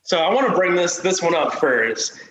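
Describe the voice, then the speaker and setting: A man's voice: on the high side, very animated, moderate pace, fairly bright tone, a little hiss or hum. A young man co-hosting a casual podcast with slangy frat-bro banter. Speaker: podcast co-host steering topics. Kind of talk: casual group podcast chat. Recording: roomy, echoey room sound.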